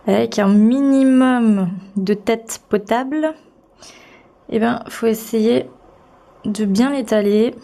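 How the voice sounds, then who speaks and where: A young beauty vlogger with a mellow, fairly high voice has a cold and sniffles as she chats bubbly and casually, using many fillers, during a tutorial at home. The recording has echo and faint noise.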